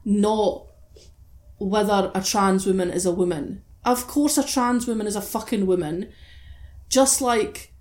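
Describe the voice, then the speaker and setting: A woman's voice: mid-range voice, unhurried, a little mellow. A woman hosting a podcast discussion, speaking emphatically and passionately, with plenty of swearing. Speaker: podcast host. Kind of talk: impassioned opinionated podcast discussion.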